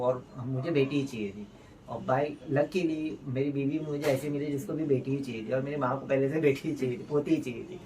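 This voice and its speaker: A man's voice: medium pitch, darkish tone. A young man, a vlogger and new father, telling a personal story in a heartfelt, rambling way with restarts. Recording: distant mic with faint ambient noise.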